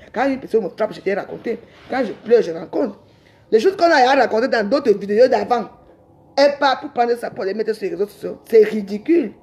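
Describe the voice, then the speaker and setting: A woman's voice: mid-range voice, darkish tone. A middle-aged woman, ranting defiantly on a live stream and rambling with repeated words. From Cameroon. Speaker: social media livestreamer.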